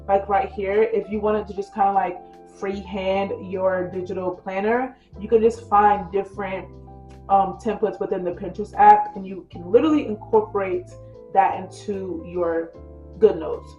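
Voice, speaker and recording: Sounding slightly stuffy from a cold, a woman lifestyle vlogger walks viewers through a casual tutorial at normal speed, her medium-pitched voice fairly even in intonation. She chats with lots of fillers, addressing her audience as "girl" and "you guys," over soft music in a dull, roomy recording.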